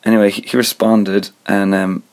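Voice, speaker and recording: A young man from Scotland presenting a radio show, introducing songs in a relaxed, conversational way and thinking aloud as he talks. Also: fairly low pitch, normal speed. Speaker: radio host.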